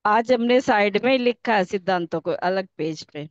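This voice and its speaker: A woman's voice: medium pitch, moderate pace, dry recording. This is a woman student speaking up in class, plain and earnest in how she talks. Her voice sits in a middle range. The sound is dull and lo-fi, with a dry, close feel. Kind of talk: casual class talk.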